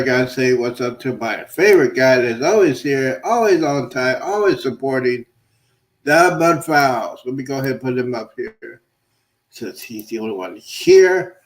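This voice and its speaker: A man hosting an open-mic livestream in a loose, chatty way, repeating himself, his voice going hoarse. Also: mid-range voice. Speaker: livestream host. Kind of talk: casual livestream chat.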